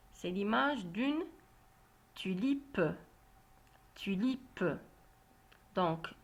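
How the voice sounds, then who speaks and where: A woman teacher talks young children through reading exercises at a slow, deliberate pace. She spells out each instruction clearly and repeats it so no one is left behind. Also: mid-range voice. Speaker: primary school teacher. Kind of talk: reading lesson walkthrough.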